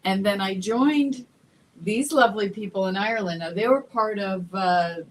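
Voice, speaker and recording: A woman's voice: medium pitch, moderate pace, slight background noise, rough recording. Chatty woman hosting a roundtable. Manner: bubbly, laughs often, chatty. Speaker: show host. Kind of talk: casual roundtable chat.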